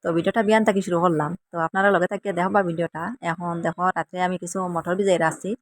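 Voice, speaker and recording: Fast-talking Sylheti woman vlogger. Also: on the low side, fairly even intonation. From Assam, India. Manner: chatty, rambling, talks straight to viewers. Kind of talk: casual cooking vlog.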